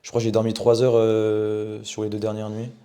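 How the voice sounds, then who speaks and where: Laid-back young French man, low mellow voice. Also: normal speed. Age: young adult. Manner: relaxed, chatty, trails off with fillers. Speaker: co-host. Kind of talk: casual live stream chat.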